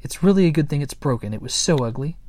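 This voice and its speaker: A man voicing a warm, practical mother troll who speaks in a brisk, soothing way. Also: on the high side, animated, pitched above the performer's own voice.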